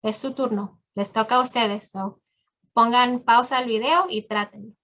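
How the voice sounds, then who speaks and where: A woman with a Mexican accent teaching English to Spanish speakers, saying model phrases slowly and clearly. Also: on the high side, fairly even intonation, a bit bright. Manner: slow, carefully enunciated English model phrases. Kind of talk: bilingual language lesson.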